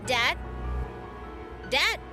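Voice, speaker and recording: An actress dubbing a spoiled young daughter who worries that her father loves someone else more. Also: drawn-out words. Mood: anxious. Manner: petulant, anxious. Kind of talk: dubbed television serial acting. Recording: music score under dialogue.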